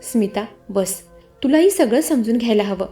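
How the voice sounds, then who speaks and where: Stern husband and uncle, voiced by a woman, firm, fairly high and lively tone, soft mellow timbre. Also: normal speed, roomy sound, faint music behind. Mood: calm, firm. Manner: firm, stern, then gently reassuring. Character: angry but caring husband and uncle, adult man.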